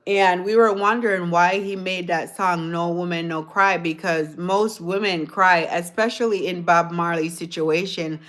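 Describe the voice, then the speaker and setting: Woman, livestream host, lowish voice, slow rambling chat, sounds tired. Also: fairly even intonation, fairly bright tone. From Jamaica. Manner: chatty, rambling, repeats herself. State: tired from a late night. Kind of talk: casual chat with viewers.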